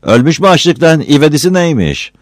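Man doing a village housewife, high raised voice, scolding, quick nagging bursts, close dry sound. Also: sing-song, no room sound. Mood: grumbling. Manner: scolding, quick and hushed warnings. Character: scolding village housewife, sharp-tongued but kind.

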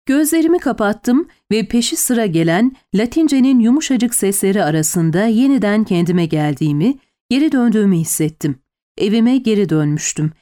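Expressive woman narrating a dark story. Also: mid-range voice. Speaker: audiobook narrator. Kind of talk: dramatic first-person narration.

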